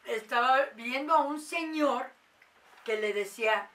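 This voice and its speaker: A mother tells a story in a bright, somewhat high voice. She is animated and acts out the voices of the people she quotes. The mic sits a little away from her. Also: a little slow, distant mic. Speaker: mother telling a paranormal story. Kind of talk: casual storytelling.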